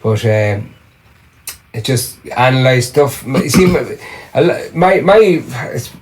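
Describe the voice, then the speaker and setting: The recording is rough, capturing a mid-range male voice at a measured pace. It's a middle-aged Irish singer and drummer on a podcast, chatting casually, rambling with many restarts and storytelling animatedly.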